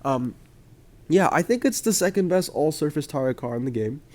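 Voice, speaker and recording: A young man hosts a mobile game video, giving casual commentary to his viewers in a chatty, upbeat way full of "uh" and "um." His voice is on the high side, slightly mellow, with lively intonation and a moderate pace, and a cold makes it sound a bit off.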